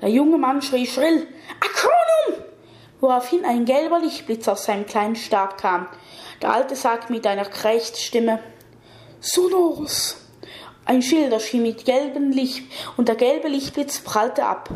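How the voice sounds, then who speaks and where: Woman storyteller, higher voice, reads aloud with small self-corrections, roomy echo. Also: measured pace, darkish tone. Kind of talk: reading a fantasy story aloud. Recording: echoey room.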